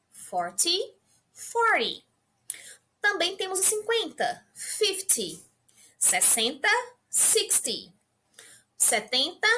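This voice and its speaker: High, lively Brazilian woman teaching. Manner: patient, checks in with the class constantly. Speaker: English teacher. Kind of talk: language lesson for beginners.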